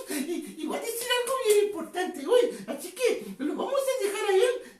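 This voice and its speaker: A man voicing a cheerful little clown who hosts a children's gospel show, giggling, exclaiming and stammering. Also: extremely high pitch. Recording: echoey and distant from the mic.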